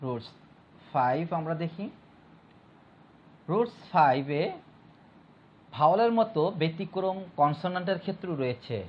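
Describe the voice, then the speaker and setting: A male teacher giving a step-by-step grammar lesson, repeating rules and putting questions to his students. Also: high-pitched. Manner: explains step by step, repeats points and asks the class questions. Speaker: school teacher. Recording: dull lo-fi recording with faint mains hum.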